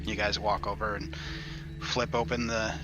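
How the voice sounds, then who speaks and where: A man's voice: fairly low pitch, level tone, normal speed, over music, poor audio. A man casually narrating a tabletop role-playing game as game master, describing scenes conversationally.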